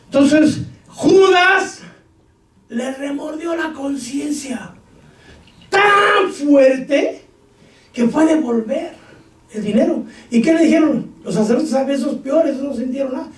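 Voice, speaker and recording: Pastor preaching loud, really high voice, echoey church from far off. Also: male voice, expressive, slow. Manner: preaching with sudden shouted bursts and acted-out dialogue. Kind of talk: sermon. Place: church hall. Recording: echoey hall, distant mic, faint noise.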